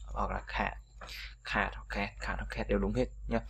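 A man's voice: on the low side, level tone, fairly quick, vocal fry, a bit bright. A Vietnamese-speaking man teaching English vowel sounds in a casual video lesson, repeating each sound and chatting with viewers.

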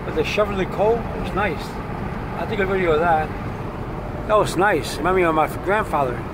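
A man narrating casually from a moving car, rambling and halting with many fillers. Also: high voice. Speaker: vlogger. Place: inside a moving car on a country road. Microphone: handheld phone camera. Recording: loud car road noise. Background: loud road and engine noise.

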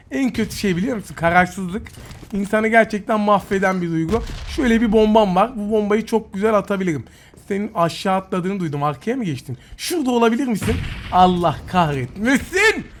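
A young man with a high voice narrates his own shooter match live, chatty and teasing toward the enemies. He swings quickly into excitement during firefights. Faint game noise runs behind his desk-mic recording. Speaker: gaming streamer. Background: game gunfire.

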